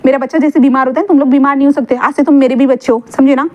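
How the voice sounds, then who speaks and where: A woman's voice: high voice, steady tone, rapid-fire, darkish tone, highs cut off, natural voice. A woman voicing a fussy, affectionate middle-aged mother who dotes and repeats herself. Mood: doting. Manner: doting, chattering, repeats herself.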